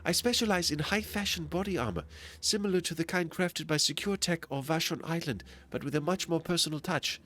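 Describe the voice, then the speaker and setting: A man voicing an overly smooth, polished male master tailor with silky, formal shopkeeper politeness. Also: on the high side, brisk, bright, forceful tone. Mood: suave. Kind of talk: reading game dialogue aloud on a stream.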